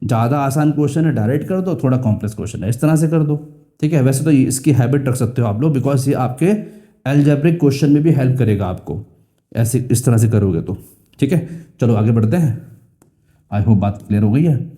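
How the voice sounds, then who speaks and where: A man's voice: mid-range voice, fairly quick, dark tone. A young man with an Indian English accent teaching a school math lesson, repeating key phrases and asking and answering his own questions.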